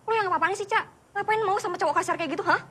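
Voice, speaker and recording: A woman's voice: extremely high pitch, rapid-fire, a bit bright, slight background noise. An actress playing a defiant young female student at a boarding school, talking bluntly in street slang and picking fights. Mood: confrontational. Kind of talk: film drama.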